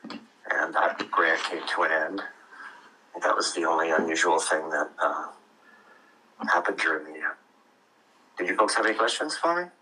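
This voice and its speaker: A man reporting as town auditor over a speakerphone, speaking in a measured way with frequent ums. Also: low-pitched, pushed and bright. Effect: heard over a speakerphone. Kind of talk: business call report. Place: phone call into a meeting room. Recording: distant speakerphone with background noise.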